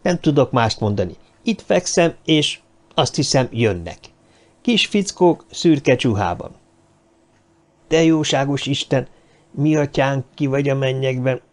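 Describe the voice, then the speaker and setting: A man's voice: mid-range voice, lively intonation, pitched above the performer's own voice, lightly acted. A man voicing a frightened man lying hidden and reporting over a radio link in an audiobook. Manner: halting, anxious.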